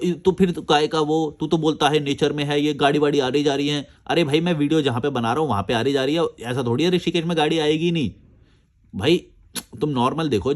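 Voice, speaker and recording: A man answering viewer comments in a casual chat, blunt and argumentative, recorded outdoors. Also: mid-range voice. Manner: blunt, argumentative, reads comments aloud then rebuts.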